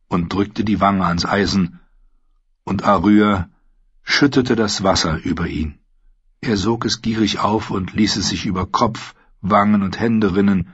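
A man narrating an audiobook in a steady, measured reading. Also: on the low side, husky, no echo. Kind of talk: scripted narration. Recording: dull lo-fi sound.

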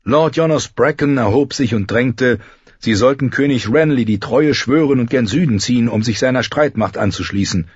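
A man's voice: mid-range voice, moderate pace, breathy edge, no room sound. A man reading a story aloud in scripted audiobook narration, telling it expressively. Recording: dry, dull lo-fi audio.

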